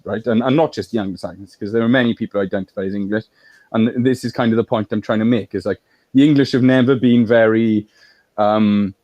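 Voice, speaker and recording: A man's voice: medium pitch, darkish tone, no room sound. A man from Wales in a political discussion, explaining at length in a lecturing way.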